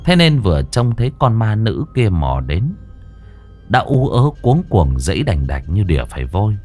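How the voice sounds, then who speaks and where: Low-voiced male ghost story narrator. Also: sing-song, normal speed. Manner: colloquial, vivid storytelling. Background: soft music.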